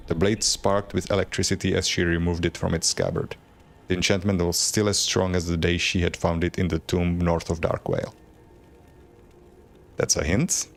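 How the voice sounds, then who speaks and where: A man's voice: low voice, flat delivery, normal speed, gravelly. A man streaming a game, reading lore aloud in a plain, unacted voice with casual asides.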